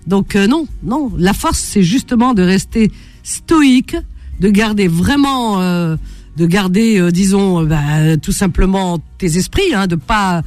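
Radio host, female, chatty and quick to jump in, faint music under her voice. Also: medium pitch, no room sound. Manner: chatty, warm toward callers, interjecting often. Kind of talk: late-night phone-in talk show.

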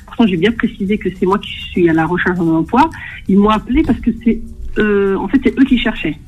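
A woman's voice: mid-range voice, fairly quick, breathy edge, soft background music. A woman calling in to a radio show and speaking casually, her voice coming through on muffled call audio.

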